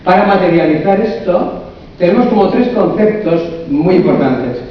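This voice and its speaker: Man, fairly high voice, coach giving a humorous conference talk, heard from far off in a big echoey hall. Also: normal speed, lo-fi sound, slight background noise. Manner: humorous, lively, asks the audience many rhetorical questions. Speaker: coach and therapist speaking at a conference.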